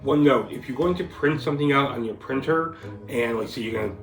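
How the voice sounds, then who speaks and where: A woman's voice: rumbling low, a little fast. A woman co-hosting a spooky craft show with playful, casual horror-host banter. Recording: roomy echo, faint music behind.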